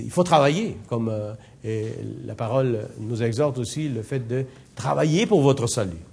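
A man with a foreign accent leading a Bible study, exhorting the group and often pausing, with many fillers and restarts. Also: mid-range voice, warm tone, slightly rough. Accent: non-native French accent. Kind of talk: informal Bible study teaching.

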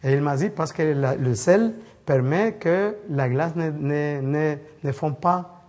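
This Salvadoran preacher delivers a loose, conversational sermon to his congregation, blending scripture with stories from his childhood. He often stumbles, restarting as he hunts for words. His voice sits a little higher than most men's, with a darkish tone.

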